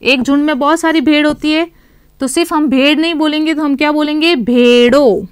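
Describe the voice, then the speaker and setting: A woman teaching a lesson to young children, asking questions and answering them herself, drawing words out slowly. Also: high-pitched, fairly even intonation, no echo.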